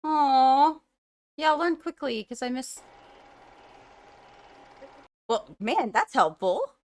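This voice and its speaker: Excitable young woman reacting to a film. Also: sits high, slow pace. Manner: excitable, gasping and exclaiming, musing aloud. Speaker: movie reaction host. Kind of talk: casual movie reaction commentary.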